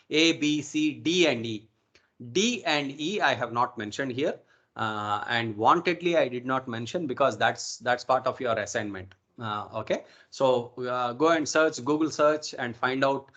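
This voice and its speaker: An Indian-accented man instructs an informal online networking lecture, recorded from a video call, repeatedly checking in with "okay" and "right." His voice is mid-range with a fairly bright tone.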